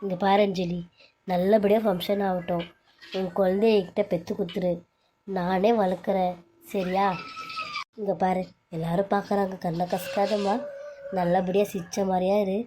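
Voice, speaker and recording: A woman's voice: medium pitch, level tone, moderate pace, pauses often, dark tone, slight background noise, lightly acted. A woman voicing a scheming mother-in-law in a cartoon serial, who scolds one daughter-in-law and fusses over the other. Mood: coaxing. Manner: scolding and dismissive, then fussing and coaxing. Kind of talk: Tamil cartoon serial voice acting.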